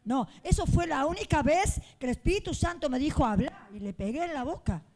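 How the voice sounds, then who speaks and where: A woman's voice: sits high, expressive, a little fast, a little mellow. A woman pastor, preaching a fervent sermon in a church and acting out the people in her stories.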